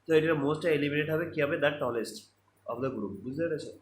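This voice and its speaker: A man's voice: fairly high pitch, a little hiss or hum. Bengali-accented man teaching grammar, echoey room. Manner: explains step by step, reads sentences out slowly, asks rhetorical checks. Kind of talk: online grammar lesson. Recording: echoey room with faint ambience.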